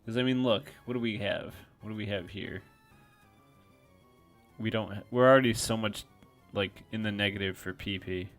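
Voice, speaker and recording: A man's voice: on the low side, moderate pace, fairly bright tone, faint music behind. A man giving casual, self-deprecating play-by-play commentary on a competitive game, thinking aloud as he goes.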